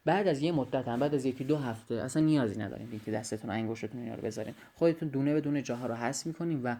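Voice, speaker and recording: Talking straight to his students, a young man walks through a biology lesson step by step in a voice message, his mid-range voice mellow. He is a biology study tutor who repeats the key phrases as he goes.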